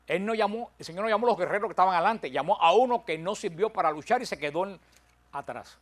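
A man's voice: high voice, lively intonation, fast talker. An older man teaching a Bible study, counting out his points with emphasis and telling self-deprecating stories with humor.

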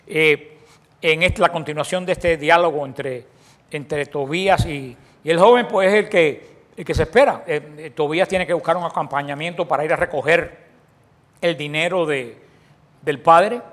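Speaking at normal speed with a voice on the high side, a man gives a sermon in which he asks questions and answers them himself. He keeps restarting phrases and alternates between loud and soft.

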